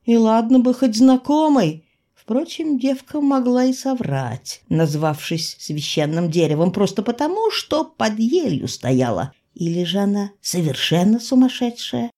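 A woman narrating a fairy tale for an audiobook, with expressive storytelling and dramatic slowdowns. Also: fairly high pitch.

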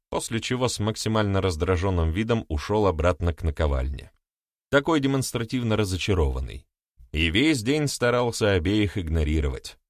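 A man narrating an audiobook in a wry, lively storytelling manner. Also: deep voice, dry recording, studio quality. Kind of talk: scripted narration.

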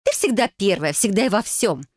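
A haughty young cousin, smug and taunting, her voice pitched up high and bright, as a woman reader puts her on. She speaks in a dry, close recording with no room around it. The tone is steady, cutting mockery. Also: a little fast, no echo, natural voice. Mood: bitter. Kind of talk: audiobook character voicing.

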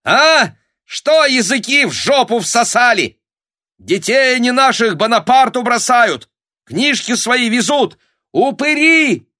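A man voicing a brash, furious peasant woman in an audiobook, shrill and screeching. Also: lively intonation, slow, sharp tone, dry recording, studio quality, heavily acted. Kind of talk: audiobook character voice.

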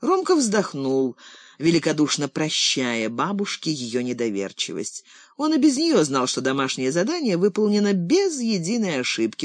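Narrator, scripted literary narration, expressive, animated intonation, close dry recording. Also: medium pitch, dry recording. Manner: expressive storytelling. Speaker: audiobook narrator.

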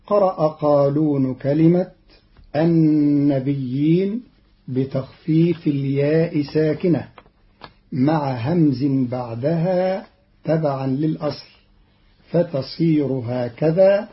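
A man giving a scripted radio explanation of Quran readings, in a slow, measured and formal way. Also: fairly high pitch. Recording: dull lo-fi archive radio recording.

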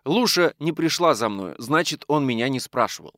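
A man's voice: medium pitch, expressive, moderate pace, a bit bright, dry recording, studio quality, lightly acted. A man voicing a nervous young wife who frets and cries out in fear. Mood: fretful. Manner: anxious, cries out. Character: young fretful wife, easily frightened.

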